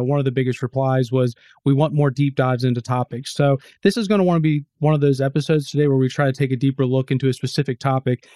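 A man's voice: mid-range voice, mellow, clear, resonant tone, dry recording, clean studio sound. A man hosting a sports business podcast, introducing the guest in a friendly, loose way with some restarts. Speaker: podcast host. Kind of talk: casual podcast chat.

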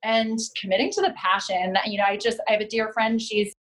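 A woman in her thirties, a relationship coach talking in a casual interview, animated and acting out quoted lines. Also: medium pitch, poor audio. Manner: animated, quick asides, acts out quotes. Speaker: heartbreak coach, guest.

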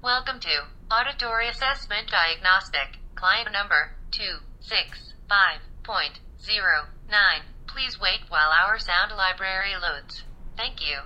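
A woman voicing an automated female diagnostic system, speaking in flat, scripted machine announcements like a program starting up over a phone line. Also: medium pitch, a little slow. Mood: mechanical.

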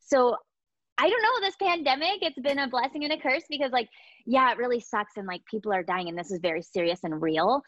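A woman's voice: on the high side, expressive, fairly quick, a bit bright, no room sound, muffled recording. A young woman, a photography educator, chatting as a podcast guest from home, upbeat and full of fillers. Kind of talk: casual interview chat.

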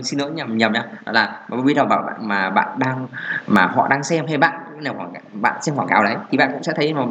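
A man hosting a casual solo podcast about marketing. He rambles with many fillers and restarts. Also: mid-range voice. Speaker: podcast host.

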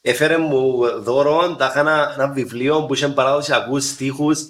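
Greek Cypriot man chatting haltingly, mid-pitched. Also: fairly even intonation, fairly bright tone. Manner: halting, colloquial, mixes in English words. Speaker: band musician being interviewed. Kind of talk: casual chat.

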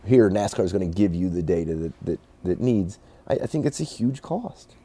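A man, a racing shop owner talking casually in an interview, halting with many restarts. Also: low-pitched, slightly rough. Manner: halting, restarts often, animated storytelling with quoted voices.

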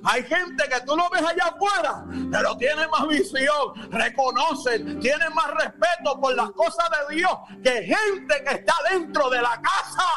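A male pastor preaching a sermon in an exclamatory way, calling out to listeners by name and bursting into shouts. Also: extremely high pitch, unhurried, few pauses, over music.

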